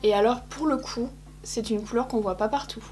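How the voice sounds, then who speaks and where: A woman's voice: on the high side, moderate pace, darkish tone, soft background music. Chatty woman doing a makeup tutorial. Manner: chatty, self-mocking, addresses viewers directly. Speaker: beauty vlogger. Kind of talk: casual makeup tutorial talk.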